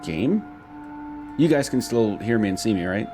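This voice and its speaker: A man narrating a tabletop roleplaying game as game master, in a halting way. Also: fairly low pitch, animated, dark tone, soft background music.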